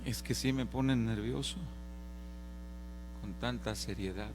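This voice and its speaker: A man preaching a sermon, swinging dramatically from loud preaching to hushed storytelling. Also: fairly low pitch, slow. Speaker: pastor. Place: church service. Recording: reverberant church PA recording with hum.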